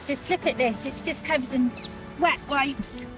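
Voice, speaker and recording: High-pitched dismayed woman, distant mic. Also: measured pace, music in the background. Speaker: clean-up volunteer. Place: outdoors by a river.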